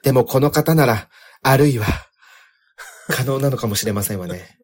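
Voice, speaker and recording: A man's voice: mid-range voice, animated, normal speed, darkish tone, natural voice. A man playing a haughty rich young lady, chatting as a comedy radio host in politely feminine Japanese rich-girl speech. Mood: refined, musing. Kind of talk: comic advice chat in character.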